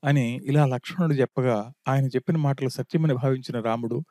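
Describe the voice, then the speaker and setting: Man, narrator, devotional epic reading, measured, mellow voice, dry sound. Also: medium pitch, fairly even intonation, no room sound.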